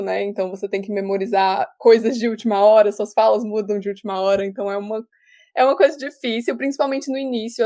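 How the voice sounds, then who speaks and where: A young woman from Brazil chats casually as a guest on a remote call. She keeps restarting her sentences and laughs easily as she explains things. Her voice sits at an ordinary middle pitch. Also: mellow. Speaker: actor guest. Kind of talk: casual interview chat.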